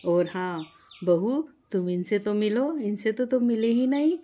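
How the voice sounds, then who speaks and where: A woman's voice: medium pitch, a little slow, dark tone, slight background noise, natural voice. A woman voicing a good-natured, middle-aged mother-in-law in a family story. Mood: amused.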